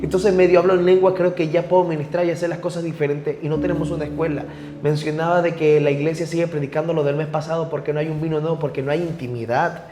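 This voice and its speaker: A man guest on a church podcast, speaking earnestly and preachily, with pauses and restarts as he builds his point. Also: a little high, fairly even intonation, dark tone, slight background noise. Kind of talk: church discussion. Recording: echoey room.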